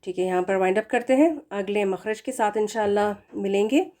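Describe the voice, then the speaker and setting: A woman teaching Quran pronunciation, drawing out each example sound slowly and explaining common mistakes. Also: mid-range voice, dark tone. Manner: slow, drawn-out demonstration of sounds. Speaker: tajweed teacher.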